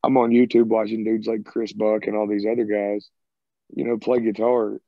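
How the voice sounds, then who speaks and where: A Southern drawl marks this rock singer and guitarist in his thirties from the American South, who answers interview questions in a relaxed, rambling way and often says "man." His slightly low voice has vocal fry and normal speed, coming through earbuds on a video call from home by a sided wall, with dull, dry audio and no room sound.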